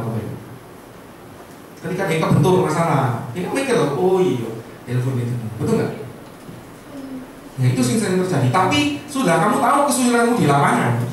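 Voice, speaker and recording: A man gives a motivational sales training talk in a high voice, turning to the audience again and again with rhetorical questions. The recording is heavily echoey, and he sounds some distance from the mic, with a faint hiss underneath. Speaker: insurance sales team leader. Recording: echoey room, voice far from the mic.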